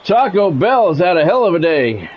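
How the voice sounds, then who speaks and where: A high, very animated male voice calls live play-by-play of a football video game at normal speed, dropping in blunt, salty, conversational asides. The sound is lo-fi with a little hiss or hum.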